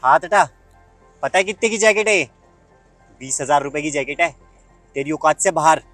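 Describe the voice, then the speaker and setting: A man's voice: a little high, a little fast, a bit bright, soft background music, close to an everyday voice. A young man playing an arrogant, boastful rich man who insults his ex-girlfriend in a web skit. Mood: taunting. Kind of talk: Hindi web skit acting.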